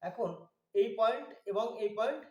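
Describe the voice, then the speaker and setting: A man giving a slow, methodical drawing tutorial, walking through each step. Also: very high-pitched, echoey room. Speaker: drawing instructor.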